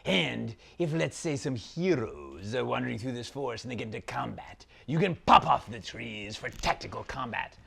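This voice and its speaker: A man playing Zaltar, a gravelly villain prince. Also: mid-range voice, very animated, normal speed, few pauses, a bit bright, exaggerated voice. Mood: pompous. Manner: theatrical, haughty, sometimes slips into a stage whisper. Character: pompous grand male sorcerer villain prince. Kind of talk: comic product skit.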